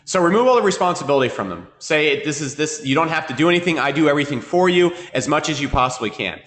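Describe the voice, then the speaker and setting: Slightly high, expressive and fairly bright, a male voice teaches marketing in a webinar. The trainer has a cold and sniffles, speaking rapidly, repeating himself, and asking "okay?" repeatedly.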